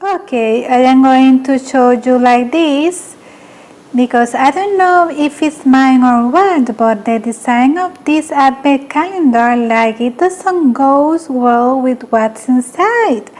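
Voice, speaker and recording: Slow, mellow-voiced woman unboxing nail products. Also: sits high. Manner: unhurried, listing items one by one. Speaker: beauty channel host. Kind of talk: unboxing vlog.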